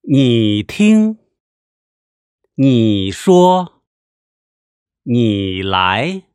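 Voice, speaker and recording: A teacher sounds out model words very slowly, one syllable at a time, for students to repeat. The pitch moves a lot between syllables, and the recording is close and dry. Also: sing-song, darkish tone, clean tone, no room sound. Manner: slow, careful, syllable-by-syllable delivery. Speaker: language teacher. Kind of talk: pronunciation drill.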